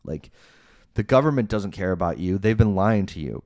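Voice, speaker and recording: A man's voice: deep voice, animated, moderate pace, a little mellow, dry recording. A man mimicking an earnest young adult son speaking matter-of-factly.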